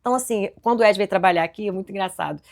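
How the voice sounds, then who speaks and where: A Brazilian woman from Goiás, a business owner telling her story as a podcast guest in animated, quick talk with frequent restarts. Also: medium pitch, vocal fry. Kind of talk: casual interview chat.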